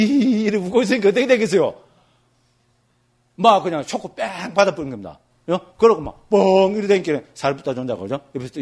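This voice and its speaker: Male Buddhist monk teacher, rapid lively storytelling, fond of tag questions. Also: high voice, breathy edge. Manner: lively storytelling, constantly asks listeners for agreement. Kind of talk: Buddhist scripture lecture.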